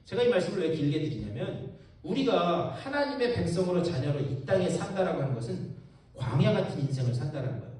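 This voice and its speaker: A man's voice: a little high, sing-song, fairly quick, a little mellow. A male pastor giving a Bible-study sermon, telling a story with animation and asking the congregation questions, recorded in a church hall from far off. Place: church sanctuary.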